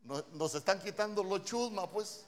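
A man's voice: sits high, normal speed. A male preacher with a Honduran accent, giving a conversational sermon and often asking his congregation questions. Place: church.

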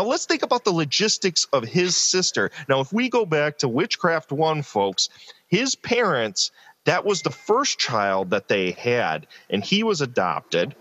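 Animated, emphatic man ranting, dry close sound. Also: fairly high pitch, no echo. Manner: profane, emphatic, incredulous storytelling. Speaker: podcast host reviewing films. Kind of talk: casual ranting film discussion.

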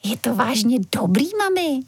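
Woman doing a high-voiced eager little girl. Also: sing-song, husky, dry recording, exaggerated voice. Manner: high, bright childlike voice.

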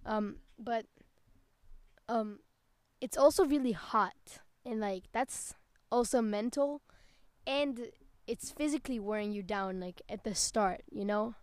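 A woman's voice: a little high, slow pace, darkish tone, dry recording. A young woman co-hosting a casual podcast, rambling with lots of "like" and stopping to correct herself. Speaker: podcast co-host. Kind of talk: casual chat.

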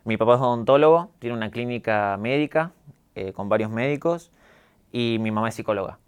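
A young man from Argentina with a neutralized Argentine accent, talking calmly and candidly as a guest in an interview. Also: mid-range voice, fairly quick, clear, resonant tone. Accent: neutralized Argentine Spanish. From Córdoba, Argentina. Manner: calm, reflective, candid. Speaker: guest, YouTuber. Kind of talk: casual interview talk.

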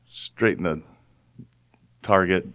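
A man's voice: sits low, slow. A man hosting a podcast in easy casual chat, his voice still groggy from the early morning. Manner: relaxed, chatty, bit groggy. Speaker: podcast host.

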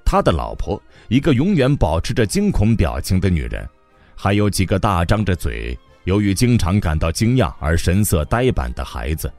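Low-voiced man narrating an audiobook. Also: normal speed, no echo, soft background music. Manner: expressive storytelling.

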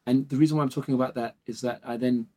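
A man's voice: mid-range voice, fairly even intonation, fast, mellow. A man in his forties, from South Africa and Portugal, talking casually as a clinic founder in an interview, rambling through stories with many fillers. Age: 40s. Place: dental clinic office.

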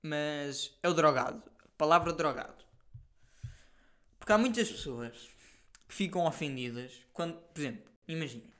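A young man with a European Portuguese accent, hosting a casual solo podcast and telling stories in an animated, slangy way full of fillers and the odd swear word. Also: on the high side, normal speed, pauses often. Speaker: podcast host.

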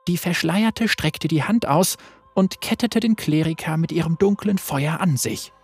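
A narrator reading a dark fantasy story aloud in a measured, dramatic way. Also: medium pitch, slightly rough, soft background music.

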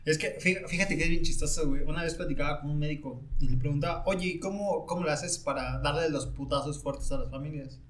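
A man's voice: on the high side, fairly quick, hardly any pauses, a little hiss or hum. A man with a Mexican accent, a private driver, telling anecdotes in casual chat and acting out the people in them. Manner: animated storyteller, acts out voices in anecdotes.

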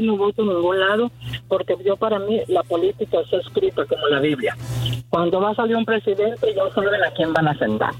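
A woman calling in to a radio show to give her opinion, earnest and modest, repeating her point. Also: medium pitch. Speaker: caller. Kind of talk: phone-in opinion. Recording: tinny phone line.

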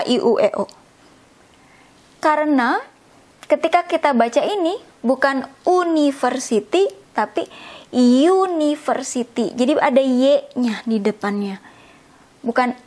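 A woman with a somewhat high, slightly mellow voice teaches English, patiently explaining and repeating words. She often checks in with a questioning "ya?".

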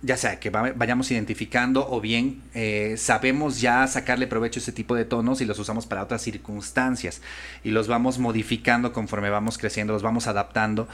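A man's voice: medium pitch, flat delivery, fairly quick, a bit bright. A man, a voice-over artist and voice coach, chatting thoughtfully and restarting often as he searches for words. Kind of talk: casual conversation.

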